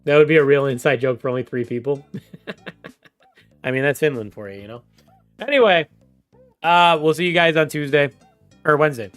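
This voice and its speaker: A man with a fairly high voice chats loosely with his stream audience, wandering from thought to thought and breaking into laughter. Soft music plays faintly behind him. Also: moderate pace, long pauses. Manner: rambling, laughs often, talks straight to chat. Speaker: game streamer. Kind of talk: casual livestream chat.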